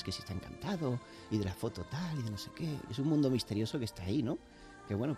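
A man, a novelist guest on a radio show, talking in a chatty, reflective way and laughing easily. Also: on the low side. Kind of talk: radio interview. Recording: soft music playing underneath.

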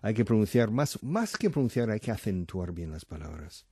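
An older man with an English accent, speaking as an interview guest, wry and trailing off softly. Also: very animated, moderate pace, husky, dry recording, studio quality. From English-speaking country. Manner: wry, dropping to soft low endings. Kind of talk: casual interview.

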